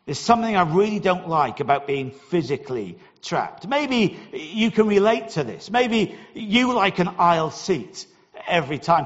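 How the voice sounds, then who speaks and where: A middle-aged Welsh man with a high voice preaches in a large hall, and the recording's highs are cut off. He tells a personal story in a chatty, conversational way, often repeating his first words as he begins.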